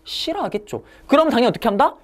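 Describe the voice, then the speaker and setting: A woman's voice: on the high side, lively intonation, rapid-fire. A woman giving an exam-prep history lecture, asking the class questions and answering them herself.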